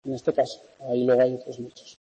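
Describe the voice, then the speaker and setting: A man's voice: medium pitch, completely flat delivery, fast, dark tone, slightly rough. A man with a Spanish accent from Spain lecturing conversationally in an echoing classroom, often checking that students follow. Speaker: university lecturer. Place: large echoey classroom. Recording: echoey classroom, long reverb, dull sound.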